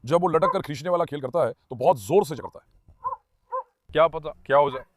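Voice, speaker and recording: A man filming his dogs, talking to viewers and calling and calming the dogs. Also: on the high side, a little fast, a little hiss or hum. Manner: talks to viewers and calms his dogs in turns. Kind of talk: casual commentary to viewers.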